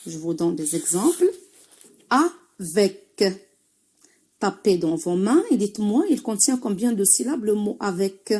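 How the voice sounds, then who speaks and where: A woman teacher with a Moroccan accent giving a French reading lesson, spelling out sounds slowly and carefully, syllable by syllable. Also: medium pitch, expressive, warm tone, slightly rough. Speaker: primary school teacher.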